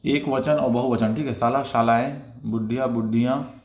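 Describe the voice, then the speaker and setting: A man's voice: mid-range voice, steady tone, moderate pace, darkish tone. Man explaining exam answers, echoey room. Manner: explanatory, repeats "theek hai" as filler. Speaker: exam prep teacher.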